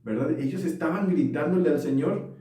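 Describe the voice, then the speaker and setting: A man's voice: a little high, normal speed, mellow. A man preaching a sermon as pastor, earnestly checking his listeners follow along. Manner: earnest, often asks for agreement. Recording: echoey room, mic far off.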